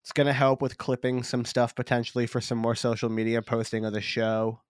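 An excitable young man hosting a casual podcast with his friend. His voice sits in a middle pitch and often leaps up when he jokes. The sound is dry and close. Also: brisk, clear, resonant tone, no echo. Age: young adult. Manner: excitable, jumps high in pitch when joking. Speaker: podcast host. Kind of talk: casual chat.

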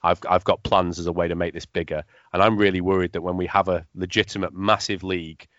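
A man co-hosting a podcast in casual chat, wry and animated as he tells stories. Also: low-pitched, fast talker, no echo. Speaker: podcast co-host. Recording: dry, slightly muffled.

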